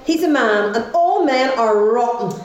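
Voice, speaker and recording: A woman's voice: fairly high pitch, animated, a little slow, highs cut off. A woman playing a bossy, man-hating ringleader in a stage farce, righteous and declamatory. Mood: righteous, defiant. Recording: very echoey stage, faint noise.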